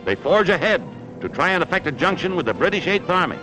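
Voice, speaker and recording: A man's voice: sits high, sing-song, quick pace, rough recording. A man narrating an old 1940s wartime newsreel in a dramatic, emphatic announcing manner. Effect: old wartime newsreel sound. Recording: narration over loud orchestral music.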